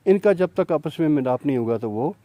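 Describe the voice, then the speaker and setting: A man's voice: a little high, animated, warm tone, no echo. A man giving a casual gardening tutorial among tomato plants, explaining patiently with many fillers as he points things out. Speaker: home gardening presenter.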